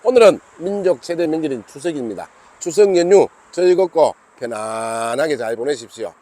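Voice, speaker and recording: An older man with a broad Gyeongsang accent pitches his homemade fishing rods in a loose, joking way. His somewhat high voice swoops up and down in a lively, playful sing-song. He keeps bantering with himself as he talks to the camera. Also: moderate pace. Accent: Gyeongsang Korean. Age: 60s. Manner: jokey, calls himself by nickname, bantering with himself. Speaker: fishing rod maker and seller. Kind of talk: casual product talk to camera.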